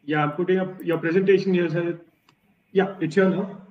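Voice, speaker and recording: A man hosting an online summit, brisk and courteous as he hands over to the speaker. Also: high voice, fairly even intonation. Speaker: event host. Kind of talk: live event moderation. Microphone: video call mic. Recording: echoey dull video-call audio.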